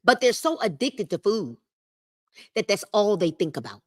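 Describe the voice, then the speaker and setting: Medium in pitch and a little mellow, this woman sounds very animated at a moderate pace. She's hosting a book club on a live stream, reading from a self-help book, adding emphatic commentary, repeating key phrases, and speaking directly to viewers in the chat on a livestream mic.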